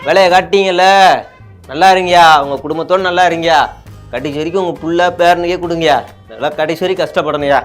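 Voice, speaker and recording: Guy doing a loud whiny party loyalist, keeps begging the boss then cursing him. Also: a little high, a little fast, soft background music, natural voice. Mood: bitter. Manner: pleading then cursing, repeats "leader". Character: aggrieved middle-aged male party loyalist.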